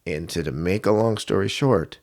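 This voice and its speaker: A middle-aged man from Washington state, an MMA coach, telling a story in a casual podcast interview and acting out what people said. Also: normal speed. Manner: animated storyteller, acts out quotes with big pitch jumps.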